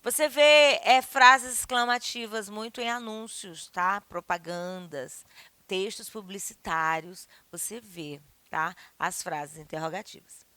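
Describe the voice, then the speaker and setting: Bright-voiced woman teacher explaining grammar. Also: mid-range voice, slow, smooth, no room sound. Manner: explanatory, peppers speech with "né?" and "tá bom?"; acts out example sentences with shifting intonation. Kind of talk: recorded grammar lesson.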